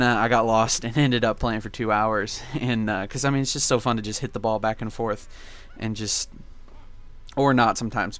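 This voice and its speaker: Young man, somewhat deep voice, clean tone, casual game commentary, nostalgic, easygoing, rambling. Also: fairly bright tone, smooth. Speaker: video game commentary host. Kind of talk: casual reminiscing gameplay commentary.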